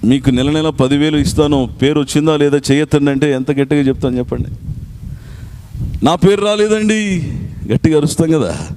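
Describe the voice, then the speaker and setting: A male pastor preaching a sermon in a church at a night meeting, repeating scripture phrase by phrase and urging the congregation to answer loudly. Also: on the high side, a little fast, pauses often, a little hiss or hum.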